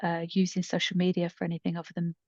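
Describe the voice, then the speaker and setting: Speaking fast with a warm but completely flat delivery, this lowish-voiced woman co-hosts a podcast and works as a coach. In her fifties, she rambles through casual stories and pokes fun at herself, heard through a muffled, echoing room.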